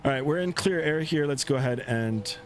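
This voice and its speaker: A man hosting a flight simulator livestream in casual commentary, with halting, pause-filled phrasing. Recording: steady aircraft rumble behind voice. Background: engine rumble.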